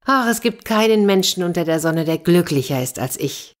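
A naive, eager young man from a storybook, always delighted with his lot, as a woman reader puts him on. The voice is pitched up from her usual low register and sounds bright-eyed and earnest. He speaks with wide-eyed enthusiasm. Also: lively intonation, normal speed, natural voice. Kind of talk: children's fairy tale reading.

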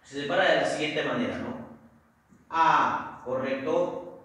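A man's voice: medium pitch, brisk, a bit bright, far from the mic. Patient man teaching, very echoey room. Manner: explains step by step, ends phrases with "¿correcto?". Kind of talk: recorded classroom lesson.

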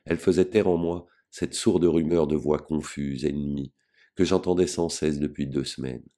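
A man reading a novel aloud as an audiobook in a measured, grave first-person narration. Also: extremely low pitch, fairly even intonation, warm tone. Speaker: audiobook reader.

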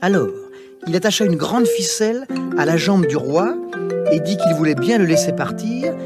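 A man narrating a children's storybook in a slow, expressive, theatrical way. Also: high-pitched. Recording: music playing behind.

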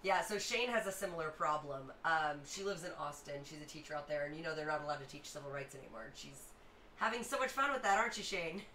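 Low, bright, hoarse woman streamer. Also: animated, fast, recorded from a distance. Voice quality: hoarse, rough-edged. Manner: chatty, reads out viewer comments and reacts. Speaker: livestream music host. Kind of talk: casual livestream chat. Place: small home music room, indoors. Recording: roomy, off-mic, faint background noise.

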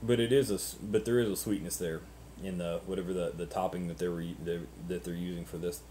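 A man in his thirties chatting casually and unscripted to camera as a vlogger, halting and ruminative, often repeating words, on noisy webcam audio. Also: deep voice, fairly even intonation, dark tone. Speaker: pipe-smoking vlogger.

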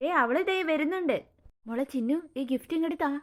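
A woman voicing a gentle, patient cartoon mother who soothes and explains things to her daughter. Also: high-pitched, animated, quick pace. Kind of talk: cartoon voice acting.

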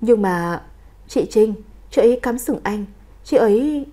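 A woman's voice: on the high side, lively intonation, a little slow, warm tone. A woman voicing an earnest, deferential young male henchman in a storybook reading, politely puzzled in tone.

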